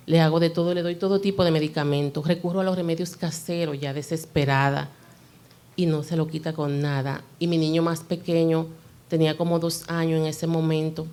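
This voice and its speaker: A woman with a low voice gives her testimony before a church congregation. She speaks earnestly and with feeling, addressing the listeners as brothers and sisters. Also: mellow. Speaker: church member giving testimony.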